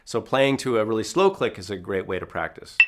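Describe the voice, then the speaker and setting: A man's voice: lowish voice, expressive, brisk, noisy background. A man teaching a drum lesson in a casual, explanatory way, thinking aloud with fillers. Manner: speaks rhythms aloud in syllables between explanations.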